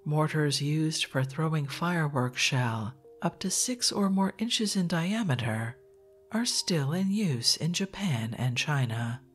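A narrator reading a text under their breath in a soft, partly whispered ASMR style. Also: medium pitch, expressive, slow, husky, faint music behind.

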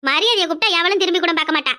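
A woman voicing a loud, quarrelsome middle-aged village woman in a cartoon, with a scolding, rapid-fire way of talking. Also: extremely high pitch. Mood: grumbling. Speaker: cartoon character. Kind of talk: cartoon voice acting.

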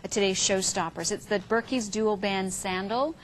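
A woman's voice: medium pitch, steady tone, normal speed, slight background noise. A middle-aged woman presenting as a live home shopping host, reciting prices and product details in a TV studio. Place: television studio set.

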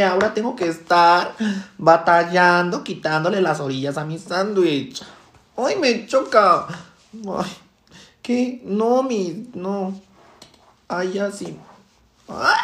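A man's voice: high voice, expressive, slow pace, full character voice. A man voicing a stuck-up, bossy, vain teenage schoolgirl in a comedy sketch, with a Mexican accent and drawling, exaggerated sighs and fillers. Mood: snobbish. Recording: roomy echo.

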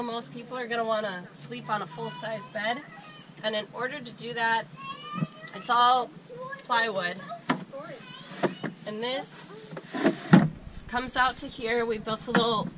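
Congested with a cold that gives her a smoker's rasp, a woman in her thirties gives a casual, explanatory vlog tour of a small camper van with its doors open, full of informal chat and self-deprecating asides. Her pitch is fairly high. The audio comes from a handheld action camera's mic a few feet away and is noisy.

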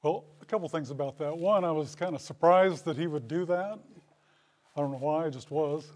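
A man's voice: on the high side, brisk, darkish tone. A man near seventy giving a hall of fame acceptance speech at a podium in a school hall, telling old stories with dry humor. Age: 60s. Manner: folksy storytelling with dry humor. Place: school hall with brick walls. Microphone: podium microphone.

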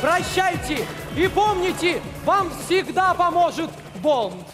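A man's voice: very high-pitched, very animated, slow pace, full character voice. A young man playing a bold, pompous secret agent in stage sketch comedy, declaiming and projecting. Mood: bold, heroic. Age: young adult. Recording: stage show with music behind.

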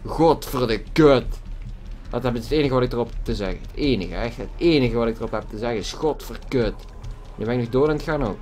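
A man's voice: medium pitch, fairly quick, a little mellow, slight background noise. A man giving casual gameplay commentary at his computer, swearing a lot with exaggerated frustration. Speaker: gaming YouTuber. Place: at a computer desk with a loud keyboard. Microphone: desk microphone.

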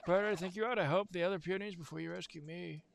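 Man putting on a raised-pitch, mild old bug elder. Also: quick pace, creaky, slight background noise. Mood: mildly grateful. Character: calm, polite, unhurried elderly bug elder. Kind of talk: amateur voice-over of video game dialogue.

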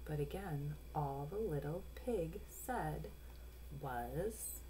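In a small room at home, a woman with a low, expressive voice reads a picture book aloud to young children, stopping to point things out and explain. The webcam recording is noisy.

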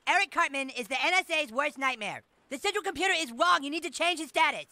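A man's voice: extremely high pitch, lively intonation, fast, pushed and bright, no echo, full character voice. A man voicing a bratty, scheming, self-important fat boy in a cartoon, with a nasal, whiny, bossy way of talking. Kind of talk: cartoon voice acting.

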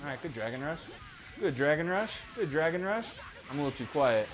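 A man commentating live over his own ranked fighting game matches, excitable and profane, dropping to mutters and then yelping at big moments. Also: a little high, a little fast. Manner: excitable, swings between mutters and sudden yelps; profane trash talk at his opponent. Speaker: gaming streamer. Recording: game music loud behind voice.

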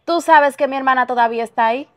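A woman playing a worried wife who tries to calm her husband down, with a pleading manner. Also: sits high, quick pace, lightly acted. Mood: explaining. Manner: pleading, calming. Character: worried wife, house owner. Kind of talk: amateur drama acting.

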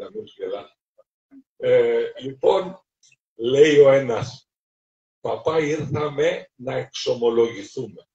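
Middle-aged greek priest telling stories, sounds far off and dull, echoey room. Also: male voice, mid-range voice. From Greece. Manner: lively anecdotal storytelling, acting out dialogue. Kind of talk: storytelling sermon talk. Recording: roomy, distant, dull lo-fi recording.

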